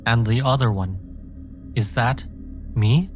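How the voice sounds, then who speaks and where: A man's voice: mid-range voice, slow pace, darkish tone, natural voice. A man voicing an earnest, emotional and protective young father in a horror story. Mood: tender, concerned. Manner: earnest, emotional, speaking to his small son. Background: background music.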